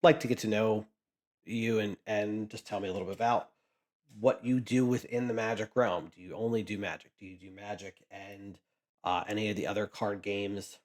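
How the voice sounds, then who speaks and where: A card collecting vlogger from Pennsylvania, US, chats casually while sorting trading cards for his channel, rambling and often restarting. His voice is fairly low and slightly mellow, with fairly even intonation at a normal speed.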